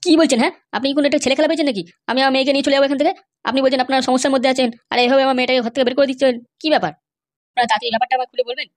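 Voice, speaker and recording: A woman's voice: sits high, fairly even intonation, rapid-fire, no room sound, clean studio sound, voice pushed down, close to an everyday voice. A woman voicing an angry older man, a bride's father who blusters and threatens in a cartoon.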